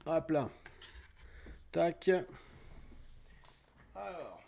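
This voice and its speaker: A middle-aged French man streaming a game, chatting casually with viewers by name and filling pauses with little sound words. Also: fairly high pitch, lively intonation, creaky, dark tone. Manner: chatty, greets viewers by name, fillers like "tac" and "hop là". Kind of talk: casual let's play chat.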